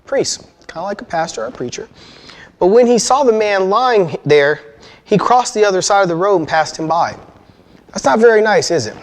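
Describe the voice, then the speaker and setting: High-pitched American man teaching young children. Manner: friendly, simple explaining to young children. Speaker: children's Bible lesson teacher. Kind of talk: children's lesson with storybook reading. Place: indoors before a painted backdrop.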